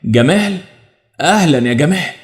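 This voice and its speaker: A man's voice: a little high, expressive, normal speed, close to an everyday voice. A man voicing a timid, henpecked father with an Egyptian Arabic accent, speaking hesitantly and apologetically in an audio story.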